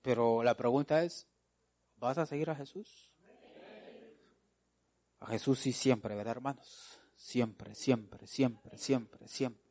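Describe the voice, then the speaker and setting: A man preaching a sermon. He calls out to the congregation with repeated rhetorical questions and swings between loud exhortation and quiet, drawn-out asides. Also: medium pitch.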